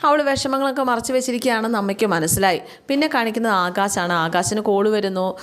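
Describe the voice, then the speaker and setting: Chatty woman retelling a serial's episode. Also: medium pitch. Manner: chatty retelling, frequent drawn-out fillers, acts out quoted lines. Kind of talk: casual spoken story recap.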